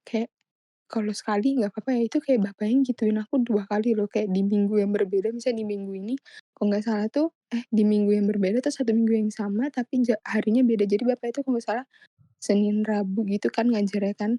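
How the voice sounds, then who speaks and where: Young woman guest, animated storyteller, warm low-brightness tone. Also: fast talker, no room sound, studio quality. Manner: animated storytelling, many fillers. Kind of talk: casual chat.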